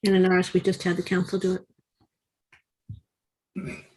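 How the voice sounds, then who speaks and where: A woman legislator speaking in a committee discussion, conversational and quick to laugh. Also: on the low side, completely flat delivery, a little mellow, poor audio.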